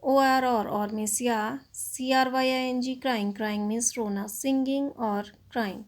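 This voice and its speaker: A woman's voice: fairly high pitch, fairly even intonation, normal speed. A woman teacher with an Indian accent, spelling English words out letter by letter and explaining them in Hindi.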